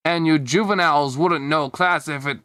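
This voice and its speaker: A man's voice: on the high side, moderate pace, bright, forceful tone, smooth, no room sound, studio quality. A man voicing a haughty little boy asparagus with a British accent, prim and pompous.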